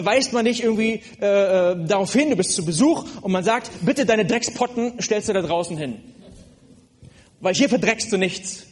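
A man delivers a sermon in a fairly high voice. He speaks earnestly and directly to his listeners, often pausing on hesitant fillers. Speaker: preacher.

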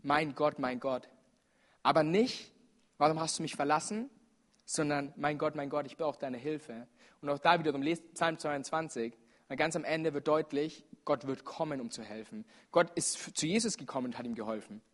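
Man, preacher, sermon, slightly higher voice, earnest, urgent appeals, frequent fillers. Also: normal speed, a bit bright. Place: church service.

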